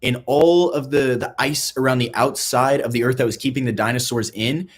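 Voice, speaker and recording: A man's voice: medium pitch, moderate pace, husky. Young man spinning mock conspiracies. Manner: playful deadpan, mock-serious, rambling with restarts. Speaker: youth ministry speaker. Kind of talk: joking mock-conspiracy talk to a youth group.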